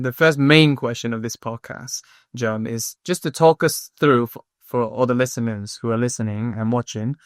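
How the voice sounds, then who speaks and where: A man hosting a podcast interview, talking in halting bursts and repeating words as he thinks. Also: mid-range voice, a bit bright, smooth, no echo, studio quality. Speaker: podcast host.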